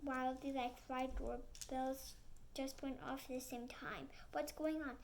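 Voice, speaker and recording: A woman's voice: high-pitched, steady tone, slow pace, vocal fry, a little hiss or hum. A woman reading a chapter book aloud, with small slips and acted sound effects. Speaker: storybook reader.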